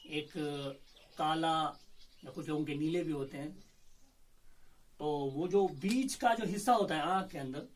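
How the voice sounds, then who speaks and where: High-voiced man teaching a poem. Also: recorded from a distance, low-quality recording. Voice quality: clears throat often. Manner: slow, careful, repeats words to show how they are said. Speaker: Urdu teacher. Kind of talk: explaining a poem line by line.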